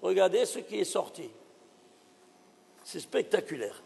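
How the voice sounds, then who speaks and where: A man's voice: sits high, very animated, a little slow, vocal fry, a little mellow, slightly rough, in a large hall. A man, a rabbi, giving a recorded lesson in an emphatic way, firing rhetorical questions at his listeners. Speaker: rabbi teaching a class.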